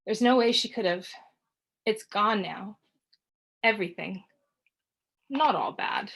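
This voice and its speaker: A woman's voice: medium pitch, expressive, takes it slowly, gravelly, a bit bright, heavily acted. A worn-out, despairing mother close to tears, speaking with a weary rawness, as a woman reads her aloud. Her lines come out strained and emotional. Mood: distraught. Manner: weary and raw. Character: despairing tipsy mother on edge.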